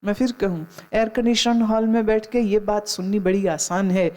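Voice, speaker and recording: A middle-aged woman spiritual teacher tells stories and admonishes her listeners during a Gita discourse, slipping in English phrases as she goes. Her mid-range voice is steady and mellow, at normal speed.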